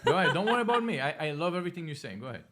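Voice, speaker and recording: Fast-talking joking man. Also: fairly high pitch, sing-song, bright, forceful tone. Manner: joking, teasing, encouraging. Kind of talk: casual chat.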